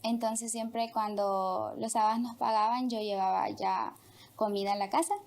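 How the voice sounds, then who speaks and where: Speaking with vocal fry at a moderate pace, a young Honduran woman recounts her life as an interview guest, hesitating often and filling pauses. Her mid-range voice is a little mellow, with fairly even intonation.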